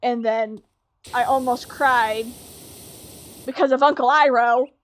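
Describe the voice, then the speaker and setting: A woman's voice: a little high, fairly even intonation, takes it slowly. A young woman streaming a game, rambling casually, swearing freely and laughing things off. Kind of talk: casual chat while gaming.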